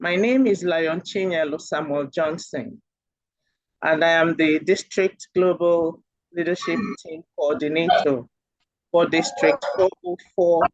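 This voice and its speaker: A man's voice: on the high side, animated, creaky, no echo. Man, voice breaking up on call. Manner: formal, courteous, measured. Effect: voice breaking up on a choppy online call. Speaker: host of an online learning session. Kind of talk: formal welcoming introduction. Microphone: video call. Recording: dull, dry, lo-fi online call audio.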